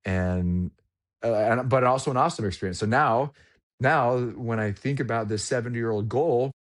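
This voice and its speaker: A man's voice: mid-range voice, moderate pace. A man in his forties telling a personal story in a candid, reflective way, with casual slang, as a guest in a podcast conversation. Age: 40s.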